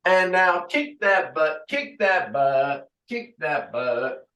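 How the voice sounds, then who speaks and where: A man leads a group exercise session, calling out reps and stretches. His voice sits a bit high for a man and he takes his time, trading jokes and small talk with the people working out. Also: very animated, slow pace, pushed and bright. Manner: counts out reps and jokes with the class between exercises. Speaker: fitness coach. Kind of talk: leading a group workout class.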